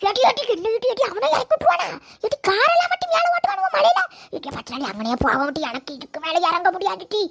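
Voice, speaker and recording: A cranky old cartoon grandmother, as a woman puts her on, grumbling and scolding. Her voice is pitched up very high and squeaky. She talks as if she is always short of breath. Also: very animated, quick pace, vocal fry, hardly any pauses, fairly bright tone, full character voice. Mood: complaining. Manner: scolding, complaining.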